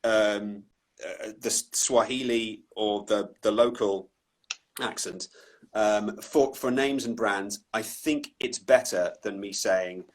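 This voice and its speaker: A man with a Southeast English accent, a voice-over artist talking casually in an interview, animated and self-deprecating, with many restarts. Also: lowish voice, slow. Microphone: Instagram live call.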